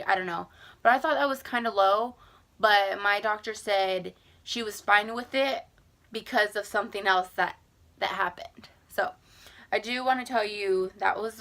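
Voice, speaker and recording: A woman's voice: mid-range voice, moderate pace, bright, forceful tone. A young woman chatting casually in a vlog, rambling with lots of "like". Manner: chatty, rambling, filler-heavy with many "like"s. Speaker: vlogger. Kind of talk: casual pregnancy update vlog.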